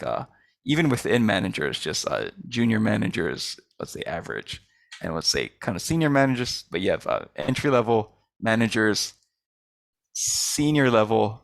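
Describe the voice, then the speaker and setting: Gravelly man explaining, close and dry. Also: on the low side, no echo. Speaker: business coach for school owners. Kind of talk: informal self-introduction in a group discussion.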